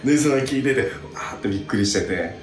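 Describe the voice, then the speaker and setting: Animated young man telling a story. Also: medium pitch, quick pace, echoey room. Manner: animated storyteller, acts out quotes, laughs often. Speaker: podcast co-host. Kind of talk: casual storytelling chat.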